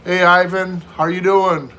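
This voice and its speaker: A man's voice: high-pitched, level tone, a little slow, pushed and bright, low-quality recording. An American man in his fifties chatting casually on a live stream, answering viewer questions one after another and often repeating himself. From United States. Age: 50s. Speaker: livestream host.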